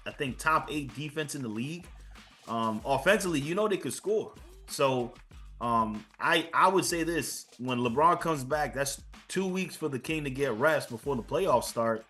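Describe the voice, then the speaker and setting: A man's voice: fairly high pitch, expressive, moderate pace, bright, forceful tone, soft background music. A man co-hosting a sports podcast in casual chat, joking and sarcastic, often stumbling and repeating words. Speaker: podcast co-host.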